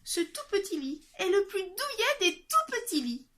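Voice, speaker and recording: A woman's voice: big pitch swings, moderate pace, fairly bright tone, full character voice. Goldilocks, a woman doing a sing-song little girl. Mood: fussy delighted. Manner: high, sing-song exclamations.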